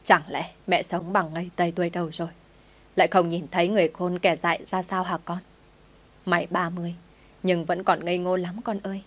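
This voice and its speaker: A woman's voice: on the low side, level tone, fairly quick, close to an everyday voice. A woman reading the lines of a stern aging mother who scolds her grown son. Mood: reproachful. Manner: reproachful, scolding.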